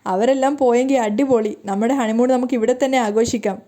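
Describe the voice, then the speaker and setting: A woman voicing a shy, playful young newlywed wife in a serial recap, talking softly and teasingly. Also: on the high side, fairly even intonation, fast talker, natural voice. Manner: soft, teasing and bashful.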